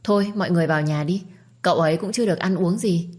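A woman's voice: lowish voice, very fast, darkish tone, close to an everyday voice. A woman voicing a humble young village daughter in a storybook, speaking in a pleading, choked-up way. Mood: bashful.

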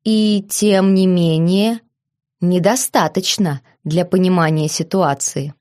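A woman reading the lines of a calm, gallant young marquis who teases lightly, in an audiobook. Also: fairly low pitch, slow. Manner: calm, courteous, lightly amused.

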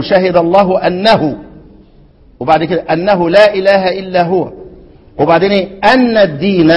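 A man with an Egyptian accent teaching a classical text, often pausing to ask his students to supply the next word. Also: a little high, breathy edge. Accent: Egyptian Arabic. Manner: keeps asking students to fill in words. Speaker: Quran recitation teacher. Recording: dull, reverberant hall recording.

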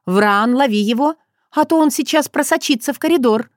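A woman's voice: high-pitched, normal speed, dry recording, studio quality, pitched above the performer's own voice, close to an everyday voice. A woman reading a storybook, voicing a firm, decisive young woman giving orders. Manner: commanding, matter-of-fact.

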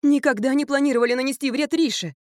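A defiant, spoiled young woman in an audiobook, as a woman narrator plays her, sharp and mocking. Her voice sits high and sounds dry and close. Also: big pitch swings, normal speed, dry recording. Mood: desperate. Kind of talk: audiobook character voice.

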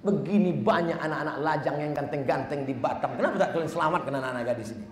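A male preacher delivers a spirited live sermon. He mimics the people he talks about and climbs into shouts. The sound is roomy, with a faint murmur behind him. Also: on the high side, fast, a little hiss or hum. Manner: animated, mimics askers and rises to shouts. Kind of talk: lively sermon answering audience questions. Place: large hall with a live audience.

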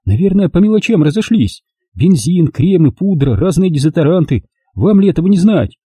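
A man's voice: a little high, big pitch swings, normal speed, warm tone, slightly rough, dry recording, clean studio sound, voice pushed up. A man reading an audiobook, voicing a desperate, tearful young housemaid who pleads bitterly. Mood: pleading.

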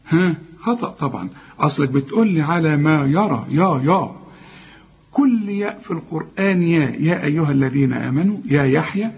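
Husky Egyptian man teaching recitation. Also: high-pitched, a little mellow. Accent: Egyptian Arabic. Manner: corrective, drills words slowly and repeats them. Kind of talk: tajweed lesson with recited examples. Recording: muffled lo-fi recording.

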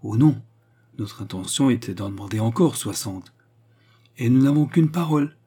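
A man's voice: medium pitch, lively intonation, moderate pace, warm tone, slightly rough. A man voicing a brash, boastful police agent in a storybook reading. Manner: bold, boastful.

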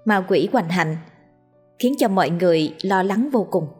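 A woman's voice: fairly low pitch, normal speed, a little mellow, slightly rough, soft background music. A woman narrating a ghost story in a scripted, storytelling way.

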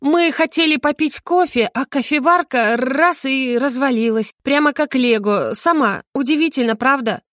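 A woman voicing a fussy, doting older mother who talks in a sugary, drawn-out way and scolds gently. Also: sits high, no echo, studio quality, voice pushed up. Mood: wheedling. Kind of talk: audiobook character voice.

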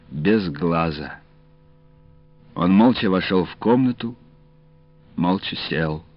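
A man narrating an audiobook in the first person with expressive, varied delivery. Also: medium pitch, no echo. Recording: dull dry studio audio, faint music.

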